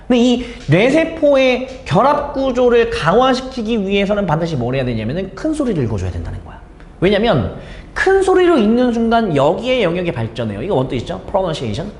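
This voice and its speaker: Lively high-voiced man lecturing. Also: echoey room, a little hiss or hum. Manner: lively, asks the students questions and answers them himself. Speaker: English teacher. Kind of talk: exam explanation lecture.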